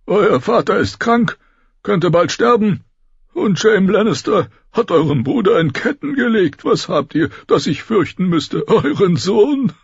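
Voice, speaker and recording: A cackling, shrill ancient lord. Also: male voice, creaky, breathy edge, dry recording, lo-fi sound, heavily acted. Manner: sneering, taunting, boastful. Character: scheming ancient male lord, spiteful and mocking. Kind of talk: audiobook character voice.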